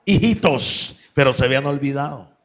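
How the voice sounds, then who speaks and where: Gravelly high-voiced preacher man. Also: lively intonation, normal speed. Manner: rises to loud shouting peaks, repeats praise phrases. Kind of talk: sermon.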